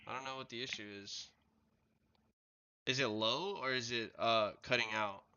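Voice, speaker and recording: A man trading on a livestream, chatting casually and mumbling low, with his old mic cutting in and out. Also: fairly even intonation, moderate pace, lo-fi sound, background noise. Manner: mumbling, talks low and trails off. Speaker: trader streaming his screen. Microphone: old desk mic that cuts out.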